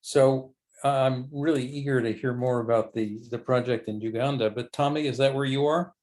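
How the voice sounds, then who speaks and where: A man's voice: mid-range voice, steady tone, moderate pace, darkish tone. A man hosting a video call, asking curious, encouraging questions. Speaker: host of the call.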